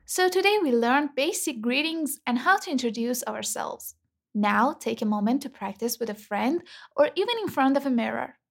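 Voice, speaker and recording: Brief: a woman teaching basic English, high-pitched, a little gravelly, careful model phrases. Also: animated, moderate pace. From Iran. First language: Persian. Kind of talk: scripted language lesson.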